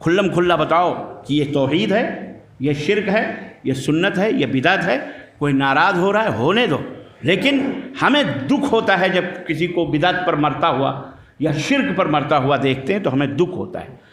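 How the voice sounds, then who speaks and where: A man's voice: fairly high pitch, lively intonation, moderate pace, fairly bright tone. A man, an Islamic scholar, answering audience questions in a blunt, emphatic preaching manner. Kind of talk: religious Q&A talk. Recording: echoey room.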